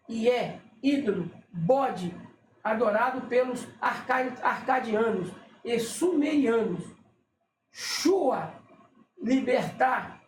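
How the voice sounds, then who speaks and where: The recording, made in an echoey room with low background noise, captures a religious teacher with a mid-range voice. Reading from a list, they explain casually, check in with the listener often, and keep pausing to self-correct.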